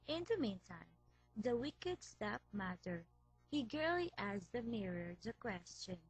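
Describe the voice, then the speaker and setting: A woman reading a fairy tale aloud as storyteller, slow and careful. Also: medium pitch, very animated, husky, faint music behind, low-quality recording.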